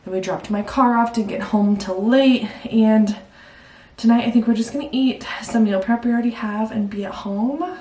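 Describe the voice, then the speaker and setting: A woman's voice: on the high side, moderate pace, warm tone. Breathless chatty woman in an echoey room. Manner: chatty, rambling, laughs at herself. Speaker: vlogger. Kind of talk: casual chat to camera. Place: at home indoors. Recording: roomy echo, mic at a distance.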